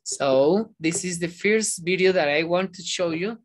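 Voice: mid-range voice, takes it slowly. An English teacher talking to a class online, mixing Spanish with English, coaxing and encouraging the students, and repeating words for emphasis.

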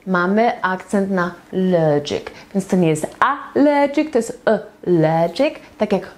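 A woman teaching English in a slow, patient lesson at a whiteboard, repeating each example phrase several times. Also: fairly low pitch, darkish tone.

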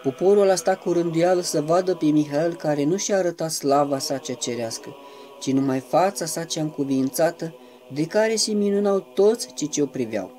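Man, fairly high mellow voice, reverent reading, half-chanted lines, faint music behind. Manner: slips into chanted intoning; measured, reverent delivery. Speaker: reader of a saint's life. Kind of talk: devotional reading.

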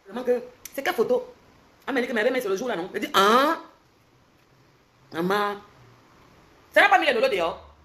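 With lively intonation, a woman in her forties with a Cameroonian French accent rants on a phone livestream, holding it close in a bright indoor room. As a social media commentator, she's fast and confrontational in this heated rant, veering between loud mocking and low, intense lecturing.

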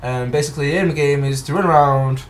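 Guy vlogger, slightly high voice, keeps restarting and cursing, recorded from a distance. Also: quick pace. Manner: stumbling, restarts often, swears. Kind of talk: casual vlog intro. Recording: distant from the mic.

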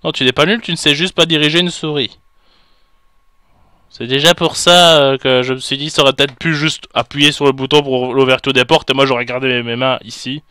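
A man doing panicked let's play commentary, shouting orders at his partner as he plays. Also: mid-range voice, fairly even intonation, brisk, clean tone, no echo. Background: game music.

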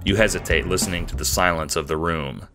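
A man narrates a scripted audio drama in the second person, in a descriptive storytelling manner. His voice is very low, and there is faint music behind him. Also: fast talker.

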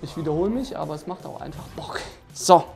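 A man's voice: on the high side, fast, gravelly, a little mellow. A man in his thirties giving casual, slangy, playful commentary as he plays a VR game. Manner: laid-back slangy asides, playful. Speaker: let's play host. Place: indoors, standing in VR headset. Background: game music.

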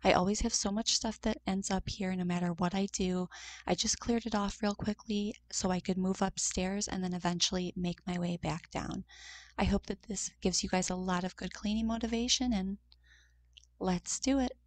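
A woman's voice: medium pitch, steady tone, normal speed. A young woman chatting casually in voice-over about cleaning her home. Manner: chatty, easily disgusted, upbeat. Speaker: cleaning vlogger.

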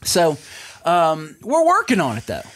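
A man's voice: on the high side, wildly swooping pitch, measured pace, a bit bright. A middle-aged man hosting a casual podcast chat from a bedroom at home, rambling and drifting into tangents. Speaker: podcast host and father.

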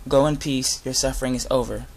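A young adult man giving an informal sermon with Bible readings, speaking earnestly and a little haltingly. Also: mid-range voice, fairly even intonation, slight background noise. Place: inside a garage. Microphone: device camera at close range.

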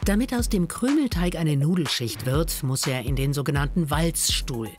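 A narrator of a TV documentary, speaking in a lively, playful scripted style. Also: medium pitch, normal speed. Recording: voice-over with music.

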